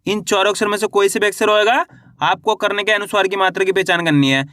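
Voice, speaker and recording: A man teaching young readers, slowly sounding out syllables one at a time and then blending them into whole words. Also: high voice, fairly even intonation, sharp tone, dry recording, clean studio sound. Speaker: Hindi reading teacher. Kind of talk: slow syllable-by-syllable reading lesson.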